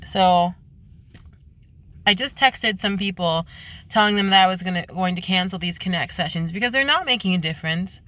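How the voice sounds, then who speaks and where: A young woman speaking earnestly in a confessional late-night vlog from her parked car, halting and restarting often. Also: on the low side, pushed and bright. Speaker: vlogger.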